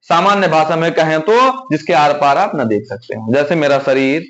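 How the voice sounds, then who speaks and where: A man's voice: on the high side, animated, normal speed, fairly bright tone. A man teaching a science class in a classroom, asking students questions and repeating the key words back to them. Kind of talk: classroom lesson. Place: classroom with whiteboard. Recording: dull lo-fi sound.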